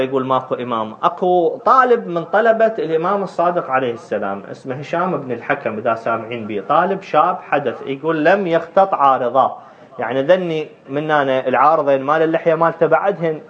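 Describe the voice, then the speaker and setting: A man with an Iraqi Arabic accent preaches a sermon, his voice rising loud and high on key points as he acts out dialogue. The audio sounds dull.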